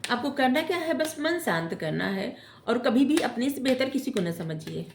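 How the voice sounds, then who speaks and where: A woman tarot reader giving gentle spiritual advice, often checking in with "theek hai?" as she talks. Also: a little high, very animated, moderate pace, vocal fry, reverberant, a little hiss or hum. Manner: gentle coaching tone, ends phrases with "theek hai?". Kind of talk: casual spiritual advice talk.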